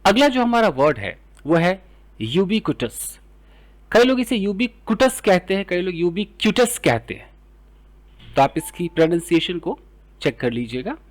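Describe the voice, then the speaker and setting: A man with an Indian English accent teaching English words, explaining in Hindi and reading example sentences slowly. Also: high-pitched, very animated. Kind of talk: vocabulary lesson.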